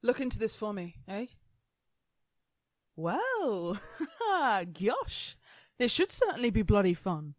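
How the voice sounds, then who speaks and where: Woman playing cocky, animated female immortal warmonger. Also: medium pitch, slow, pauses often, no echo, studio quality. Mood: gleeful menace. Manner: taunting, sweary, smug. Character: War, gleefully menacing, cocky immortal gang boss. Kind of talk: radio play acting.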